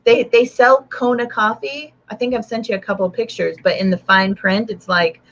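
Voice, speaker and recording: A woman's voice: fairly high pitch, fairly even intonation, moderate pace, fairly bright tone, muffled recording. A woman author hosting a casual writing stream from home, chatting and rambling with restarts and talking to her dog. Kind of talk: casual chat.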